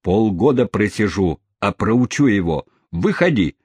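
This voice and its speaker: A man voicing a rough, quarrelsome London cabman in an audiobook reading, talking in a brash, aggrieved way. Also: on the low side, lively intonation, unhurried, darkish tone, no room sound. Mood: indignant. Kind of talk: audiobook character voice.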